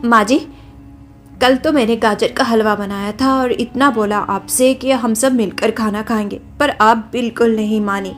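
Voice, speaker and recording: A woman's voice: a little high, fairly even intonation, unhurried, faint music behind, lightly acted. A young woman voicing a caring, coaxing daughter-in-law in a cartoon story. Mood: sweet.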